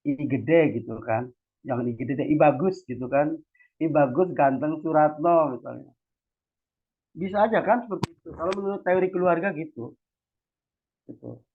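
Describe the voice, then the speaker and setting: His voice is a little high and husky, at a moderate pace with frequent pauses. Hosting and speaking in an academic discussion, this man from Cilacap, Central Java, Indonesia, lectures informally with chatty slang, often adding tags to check that listeners follow. The online audio sounds tinny, like a phone.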